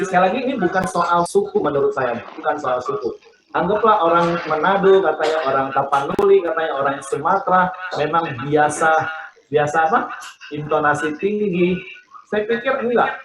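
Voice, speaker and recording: A man speaks as a pastor, in an animated, joking manner, his voice sitting somewhat high. The sound rings in an echoey room. An audience can be heard around him. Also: moderate pace, crowd noise. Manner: animated, joking, acts out example phrases. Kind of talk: teaching talk on family life.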